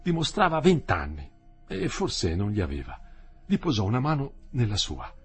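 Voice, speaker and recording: A male narrator reads a literary novel aloud with a husky, breathy voice. His pitch moves in a lively way through the sentences, and faint music plays behind him. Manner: expressive, measured storytelling. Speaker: audiobook narrator. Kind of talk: literary audiobook reading.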